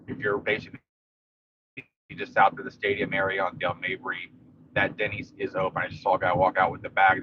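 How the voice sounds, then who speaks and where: A man giving a casual, rambling, matter-of-fact live commentary while driving a car through rain. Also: sits low. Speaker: local vlogger giving a storm update while driving. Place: inside a moving car in rain. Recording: dull lo-fi audio, steady car and rain noise.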